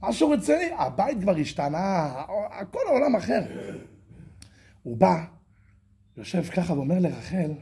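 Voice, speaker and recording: A man giving a religious lesson, telling a story with animated delivery and slow, drawn-out moral asides. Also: high-pitched, creaky. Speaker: religious lecturer.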